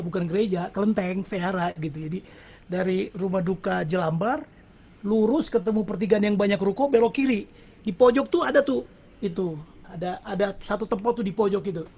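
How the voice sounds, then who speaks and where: A man's voice: high voice, vocal fry, a little mellow, slightly rough. Man sharing a conversational church testimony. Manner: conversational storytelling, addresses audience as brothers and sisters. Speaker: testimony speaker at prayer meeting. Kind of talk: casual spoken testimony.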